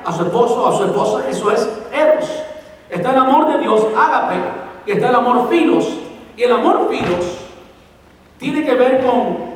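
A pastor preaching a sermon, and he has a very high voice for a man. He explains each point and goes back over it to drive it home. His voice comes from well back from the mic in a church hall with long, ringing reverb. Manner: explains points and repeats them for emphasis. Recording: echoey hall, voice from far off.

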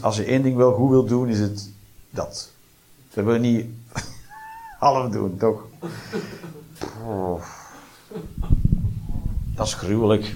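A male stand-up comedian with a mid-pitched voice. His pitch swings widely as he delivers dark deadpan lines and jumps into shrill impressions. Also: a little hiss or hum. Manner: deadpan dark jokes mixed with sudden shrieking voices.

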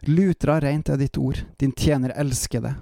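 A man reading psalm verses aloud in a calm, measured way, stopping now and then for short devotional reflections. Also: medium pitch, vocal fry, no room sound, studio quality. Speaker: Bible reader and preacher. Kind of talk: Bible reading with devotional commentary.

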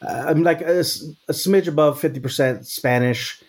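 A Texan man talks casually at a normal speed in a voice on the high side. He sounds thoughtful, restarts often, and keeps checking in with "right?"

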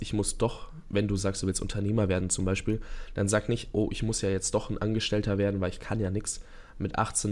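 A young man around twenty speaks as a guest in a podcast interview, earnest and eager, running his thoughts together with plenty of fillers. His voice sits fairly low. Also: a little mellow. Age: young adult. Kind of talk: casual interview talk.

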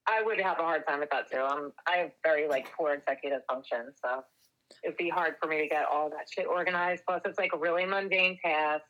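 A young adult woman chatting casually as podcast co-host, heard over a speakerphone, relaxed and swearing offhandedly. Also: low-pitched, fairly quick, muffled recording. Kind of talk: casual chat.

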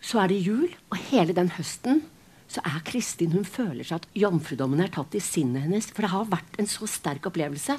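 Animated woman retelling a story. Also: on the low side, husky. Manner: animated, dramatic, with restarts and fillers. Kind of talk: casual spoken retelling of a novel.

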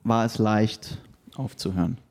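A man's voice: lowish voice, unhurried, a little mellow. A man hosting a casual interview, asking questions and telling stories in a conversational way. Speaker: interviewer, personal trainer.

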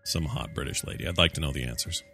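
A man co-hosting a casual talk show, joking and reading out trivia in quick banter. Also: a bass voice, vocal fry, pushed and bright, husky, faint music behind. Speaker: podcast co-host. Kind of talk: casual chat.

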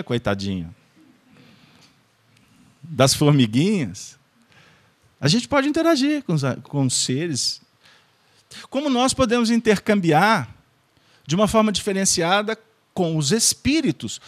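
A man with a Brazilian accent presenting a spiritist study group, giving an informal lecture in a joking manner and checking in with his audience. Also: fairly high pitch. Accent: Brazilian Portuguese.

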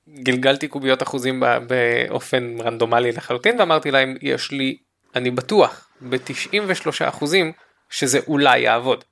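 A man's voice: mid-range voice, vocal fry. A man co-hosting a casual podcast chat, telling a game story with lots of laughter. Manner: animated storytelling, laughs often. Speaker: podcast co-host.

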